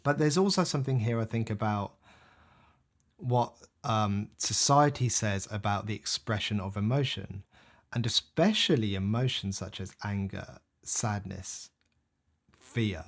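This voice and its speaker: A man's voice: on the low side, measured pace. Thoughtful male psychotherapist thinking aloud. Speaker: psychotherapist reacting to a song. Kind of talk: reflective reaction commentary.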